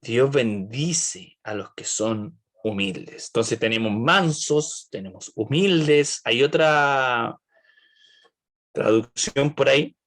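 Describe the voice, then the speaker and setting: A man's voice: mid-range voice, takes it slowly, a bit bright. A man leading an online Bible study, asking the group questions and checking in with "right?".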